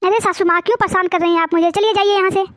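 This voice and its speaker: A woman's voice: extremely high pitch, fairly even intonation, rapid-fire, fairly bright tone, no room sound. Woman playing a sleepy rude daughter-in-law. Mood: dismissive. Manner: dismissive, sleepy.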